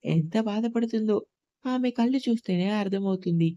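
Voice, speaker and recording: A woman storyteller narrating a love story, calm and measured, as the regular voice of the channel. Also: mid-range voice, no echo.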